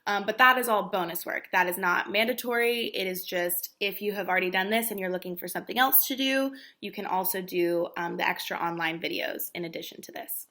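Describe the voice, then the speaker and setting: A woman teacher giving a recorded lesson to young children, explaining things slowly and clearly. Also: medium pitch. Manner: slow, clear teacher talk for small children; reads the story aloud slowly and loudly, stressing each word. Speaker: first grade teacher.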